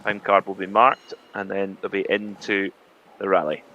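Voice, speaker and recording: Male rally commentator, chatty and easygoing, low-ish voice with a bright, forceful edge, dull lo-fi stream audio. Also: level tone, normal speed, a little hiss or hum. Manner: easygoing, chatty, with filler words. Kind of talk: live sports commentary.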